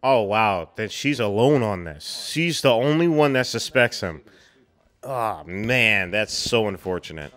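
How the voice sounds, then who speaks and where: This is a man hosting a casual film reaction. He talks slowly in a bright, forward voice. He exclaims, says lines over and over and laughs a lot. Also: on the low side, animated. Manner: exclaiming, repeating phrases, laughing often.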